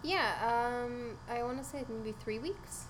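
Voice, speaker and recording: A young woman from Hungary, a music event organizer, telling her story in a relaxed, casual way full of likes and ums. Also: on the high side, measured pace. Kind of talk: casual interview answers. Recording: noisy ambience behind.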